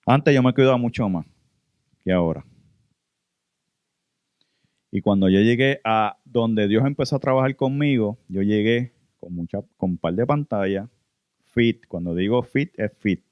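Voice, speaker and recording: A man's voice: on the low side, a little slow, long pauses, no room sound, dull audio. A man with a Puerto Rican accent preaching an earnest sermon testimony, often addressing listeners as brothers. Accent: Puerto Rican Spanish. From Puerto Rico.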